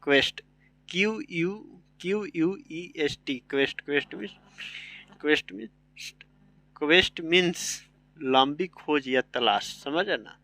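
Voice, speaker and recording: A man's voice: a little high, lively intonation, measured pace, pushed and bright, no room sound. A man, teaching a casual vocabulary lesson, chatty, spelling words out letter by letter and often checking that students follow. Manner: keeps repeating "samajh rahe na".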